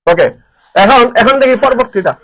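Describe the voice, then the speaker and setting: A man teaching a live online lesson, energetic, repeating answers and quizzing his students. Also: extremely high pitch, normal speed, rough recording. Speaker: admission coaching teacher.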